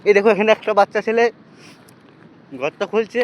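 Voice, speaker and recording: A man's voice: high voice, steady tone, brisk. A man vlogging casually by a muddy riverbank and on a boat, chatting to his viewers and calling out to passers-by, recorded on a handheld phone. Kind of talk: casual walking vlog commentary. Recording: outdoor wind and boat noise.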